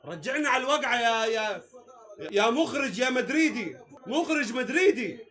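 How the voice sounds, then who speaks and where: A man reacting live to a football match, excitable, often shouting and jeering at the play. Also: extremely high pitch, a little fast.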